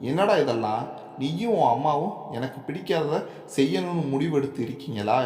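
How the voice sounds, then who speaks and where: A man's voice: medium pitch, expressive, moderate pace, dark tone, close to an everyday voice. A man playing a stern, proud, hot-tempered middle-aged father, speaking in an angry, interrogating way. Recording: echoey room with long reverb.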